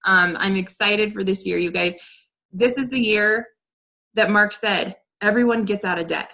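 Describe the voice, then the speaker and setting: A woman's voice: mid-range voice, moderate pace, creaky, bright, forceful tone. A woman leading a team training over a video call, talking in a direct, upbeat coaching way. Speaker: team leader.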